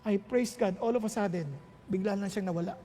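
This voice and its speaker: A middle-aged Filipino pastor preaches in a high, warm, brisk voice, playfully and emphatically switching between Tagalog and English. The recording has a big-room sound and slight background noise.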